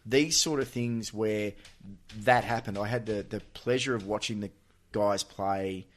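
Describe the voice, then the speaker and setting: A man chats casually on a podcast as a guest coach, spinning animated sports stories. His voice sits a little low, and he breaks into laughter often. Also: unhurried.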